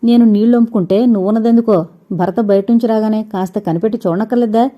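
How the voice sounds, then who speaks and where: A woman's voice: medium pitch, moderate pace, highs cut off, lightly acted. A woman voicing a peevish young husband who grumbles and complains in a storybook reading. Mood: grumbling. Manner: whiny, indignant.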